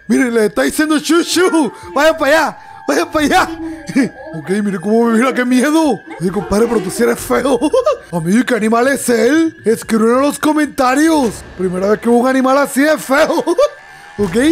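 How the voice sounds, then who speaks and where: A young man giving excitable let's-play commentary to his audience, laughing often and yelping at scares. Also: very high voice, moderate pace. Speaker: gaming YouTuber.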